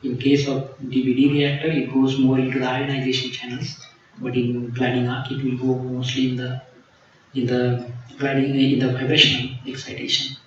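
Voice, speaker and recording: A man's voice: medium pitch, monotone, moderate pace. A man answering questions as a PhD candidate at a thesis defense, explaining things in a hedging manner. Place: large echoey room. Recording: echoey hall, distant mic, dull, faint noise.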